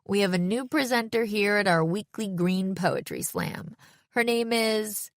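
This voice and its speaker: A woman's voice: medium pitch, big pitch swings, measured pace, dry recording, clean studio sound. A woman reading an audiobook, voicing a sardonic teenage girl who hosts a poetry slam and teases with mock enthusiasm. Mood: mock-enthusiastic.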